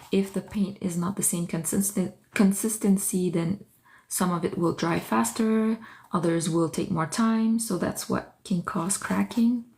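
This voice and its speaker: Chatting with her livestream audience while she works, a French-speaking artist greets viewers by name and muses aloud from her studio. She has a fairly low, slightly mellow voice with vocal fry.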